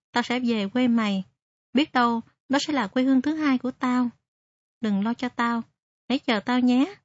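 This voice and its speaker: A woman's voice: on the high side, no room sound, close to an everyday voice. A woman voicing a loyal, tearful homeless teenage boy who shines shoes, reading his letter earnestly. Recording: dry, slightly muffled recording.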